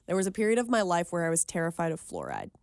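A woman's voice: fairly low pitch, huge pitch swings, fast, darkish tone, no room sound, clean studio sound. A young woman co-hosting a podcast in casual chat, laughing often and trailing off mid-sentence. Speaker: podcast co-host.

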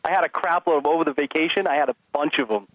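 Animated dad on a phone line. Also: male voice, a little high, fast talker, no echo. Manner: animated storyteller acting out his kids and himself. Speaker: podcast guest. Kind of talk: casual chat.

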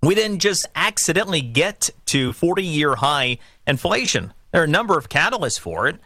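A man's voice: on the high side, very animated, moderate pace, bright, forceful tone, no echo, clean studio sound. An American man hosting talk radio, giving emphatic political commentary in stop-and-start phrases, repeating himself for stress. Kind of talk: political commentary on a call-in show. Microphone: close studio broadcast mic.

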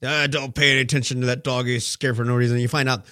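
A man's voice: mid-range voice, fast talker, dry recording. A man chats animatedly about films on a radio show, acting out bits as he goes. The studio sound is dry and close. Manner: animated, acts out scenes. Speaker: radio film review host. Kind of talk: casual radio chat.

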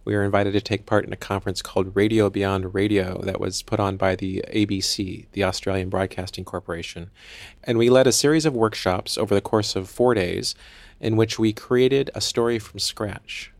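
Male host, low gravelly voice, dry close sound, measured delivery. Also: fairly even intonation, no room sound. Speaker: podcast producer and host. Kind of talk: scripted introduction.

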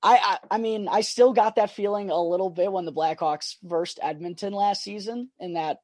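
A man's voice: high voice, normal speed, darkish tone, no room sound. A man chatting casually about sports on a podcast, conversational with hesitant starts. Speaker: sports podcast co-host or guest.

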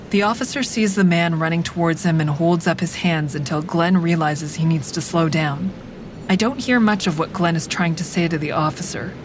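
Narrating in first person for an audio drama, a woman voices a grieving heroine who stays guarded. Her natural voice moves in a measured, introspective way, and a vehicle's rumble never lets up behind her.

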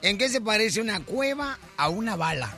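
A man's voice: high voice, sing-song, gravelly, pushed and bright, faint music behind. A man hosting a radio comedy show, playful and teasing as he trades jokes. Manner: playful, teasing, quick to laugh.

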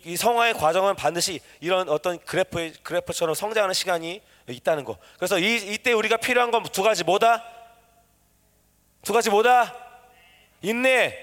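High-voiced preacher in a reverberant hall. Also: male voice. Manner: animated call-and-response, coaxing and quizzing listeners. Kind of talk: interactive sermon with youth. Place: church hall. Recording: long reverb of a church hall.

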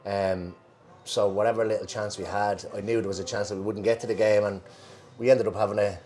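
A man's voice: fairly low pitch, steady tone, a little fast, a little mellow. An Irish man co-hosting a football show in casual chat, colloquial and wry. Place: pub in Liverpool. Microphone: worn mic.

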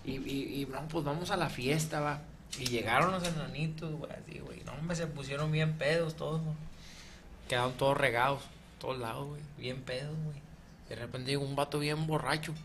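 A man's voice: mid-range voice, steady tone, brisk, a bit bright, slight background noise. A man with a Mexican Spanish accent telling crude jokes in casual chat, who repeats slang fillers constantly.

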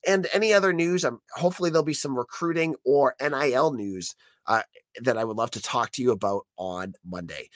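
An American man with a hoarse, croaky frog voice from being sick gives opinionated, conversational sports commentary as a solo podcast host. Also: mid-range voice, brisk, no room sound, studio quality.

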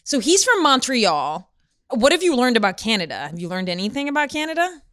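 A woman's voice: a little high, very animated, brisk, a bit bright. A woman hosting a casual interview, asking friendly and teasing questions.

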